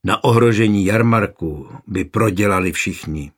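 A man reading a historical novel aloud as an audiobook narrator, in a calm, even storytelling manner. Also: fairly low pitch, husky.

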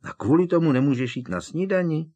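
A man's voice: on the high side, warm tone, voice pushed up, close to an everyday voice. A man voicing a sensible, puzzled teenage wizard boy who presses his friend with incredulous questions.

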